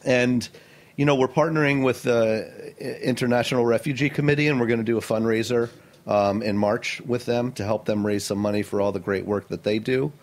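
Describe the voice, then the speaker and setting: A middle-aged chef answering interview questions in a studio, earnest and animated, often saying "you know" and "um". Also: male voice, mid-range voice, brisk. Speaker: chef and restaurant owner. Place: radio studio.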